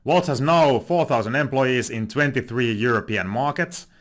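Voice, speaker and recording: A man's voice: medium pitch, moderate pace. A young Finnish man with a Finnish accent hosting a casual finance commentary video, talking with frequent "uh"s and self-corrections. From Finland. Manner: many filler "uh"s and restarts. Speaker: finance channel host.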